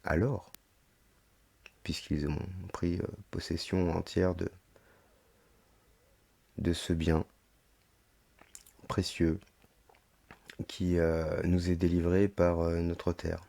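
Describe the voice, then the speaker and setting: A deep-voiced man delivers a podcast monologue, moving between reading and commentary. His tone is dark and gravelly, with the thickened sound of a sore, swollen throat. He speaks in hesitant stretches broken by rhetorical asides. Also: level tone, takes it slowly, pauses often. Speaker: podcast host. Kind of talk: monologue reading a text aloud with running commentary.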